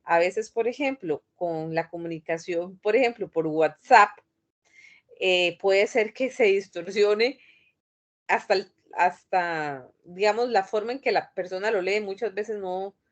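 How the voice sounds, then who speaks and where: Profesora que explica pausada, con muchos "este". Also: female voice, mid-range voice. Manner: thoughtful, many fillers and restarts. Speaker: teacher. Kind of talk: online class lecture.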